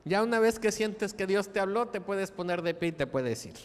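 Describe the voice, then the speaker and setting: A man preaching a lively, joking sermon, often asking the congregation questions. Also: high voice, moderate pace, in a large hall. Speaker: pastor. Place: church.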